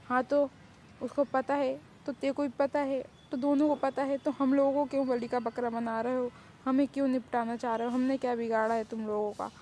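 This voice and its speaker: A woman's voice: high voice, level tone, a little fast, warm tone, slight background noise, lightly acted. A woman voicing an anxious young friend who keeps worrying about trouble. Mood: worried. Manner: anxious, fretful. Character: nervous worried young friend.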